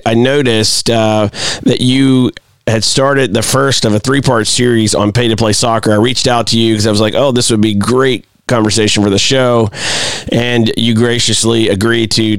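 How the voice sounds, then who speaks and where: Male talk show host, smooth clear voice, friendly and rambling, close and dry. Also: medium pitch, dry recording. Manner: friendly, rambling, self-deprecating.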